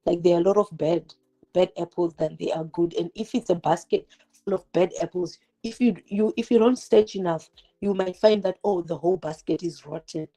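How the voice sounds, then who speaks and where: Cooking in her kitchen during a casual livestream, a woman in her 20s from Zimbabwe chats directly with her viewers in English, which isn't her first language. Her lowish, mellow voice moves at a normal pace, and the recording is rough, with fireworks audible outside. She leans on "like" a lot and asks rhetorical questions while juggling the cooking.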